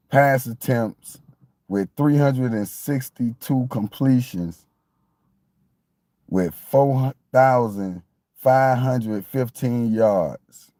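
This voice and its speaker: This late-forties Miami man speaks very slowly in a mid-range voice with a dark tone, with no room sound around him. Acting as a sports fan commentator, he gives a casual monologue about his football team that wanders and repeats itself in a conversational way.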